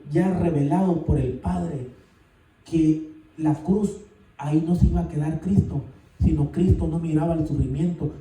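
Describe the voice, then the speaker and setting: High-voiced preacher in an echoey church. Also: male voice, distant mic. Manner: animated, calls out "hermano" often. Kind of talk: sermon. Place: church sanctuary.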